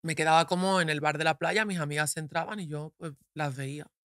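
A woman talks openly in a podcast studio, her voice bright and forceful. She is frank and confessional, pausing to reflect. The sound is dry and close on a studio mic. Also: deep voice, steady tone, no echo. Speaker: guest, actress. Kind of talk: candid personal conversation.

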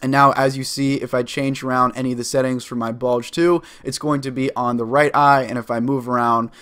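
A young man talks through an editing tutorial at his desk, upbeat and instructive. He walks through each click step by step in a plain, middle-pitched voice, recorded on a desk microphone in a small room. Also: little pitch movement, brisk, a bit bright, clean tone. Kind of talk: screen-recorded software tutorial.

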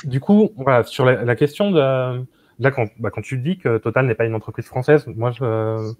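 A young man hosts a video call from a small room, heard through a computer mic with a dry, close sound. He speaks hesitantly and searches for his words, filling his sentences with pauses. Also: mid-range voice, dry recording. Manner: hesitant, many fillers. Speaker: host and moderator.

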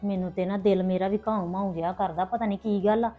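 A woman's voice: medium pitch, fairly even intonation, fast talker, dark tone, soft background music, lightly acted. A middle-aged woman playing a worried mother who visits her sister-in-law and pleads anxiously for help, in a family drama. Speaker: character in a family drama vlog. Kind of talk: hobby village family drama.

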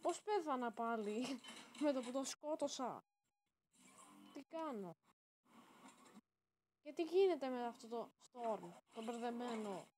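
A woman with a high voice talks through her own match in casual, running commentary. She gets excitable and bursts into sudden shouted exclamations, with faint background noise under her. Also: pauses often. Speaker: gaming channel host. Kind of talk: live game commentary.

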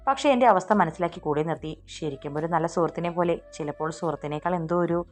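A woman's voice: low-pitched, fast, faint music behind, close to an everyday voice. Woman doing a spirited young office girl. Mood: hurt, defiant. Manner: pleading, defiant.

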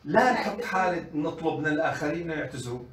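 A man giving an animated colloquial lecture on parenting to mothers, full of rhetorical questions and acted-out quotes. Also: on the high side, rapid-fire. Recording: echoey room, voice from a distance.

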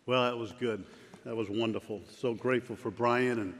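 On a large church sanctuary stage, a pastor in his fifties who stutters delivers a joking, self-deprecating sermon. His voice is medium-pitched and steady, at a normal speed, with long hall reverb and faint room noise in the recording.

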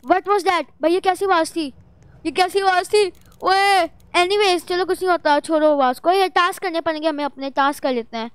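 A woman giving excitable, jittery gameplay commentary as a vlogger, with loud exclamations while playing a horror game. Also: extremely high pitch, fairly quick, no echo. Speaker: gaming vlogger.

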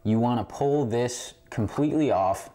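A man with a medium-pitched, warm voice speaks at a moderate pace as host of a pinball repair channel, giving a casual hands-on tutorial in an indoor game room among arcade machines. A tripod-mounted camera mic a short distance away picks him up, along with clear background noise and clicks.

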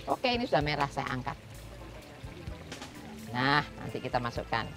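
A woman demonstrates a recipe on an open-air street stage, her pitch lively and swinging as she explains each step and calls out to the audience. Music plays steadily underneath her voice. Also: normal speed. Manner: chatty, instructive, keeps addressing the audience as "Bu". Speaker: cooking show host. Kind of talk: outdoor cooking demonstration. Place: outdoor street cooking stage. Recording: music playing behind.

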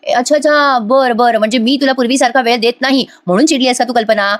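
Woman putting on a middle-aged husband, teasing and coaxing, talks fast and goes high. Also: natural voice.

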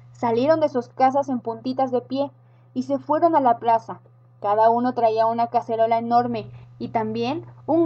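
A woman with a Rioplatense Spanish accent reads a children's story aloud in a high, bright-toned voice, acting out each character. The recording sounds dull and lo-fi. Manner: lively, acts out the characters.

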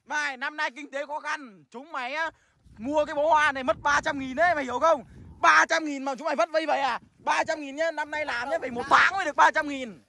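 A performer voicing a brash young male skeleton who lectures his friends and shouts at them in a cartoon skit. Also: sits high, steady tone, fast talker, gravelly, heavily acted. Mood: lecturing. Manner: scolding, lecturing, bursting into shouts.

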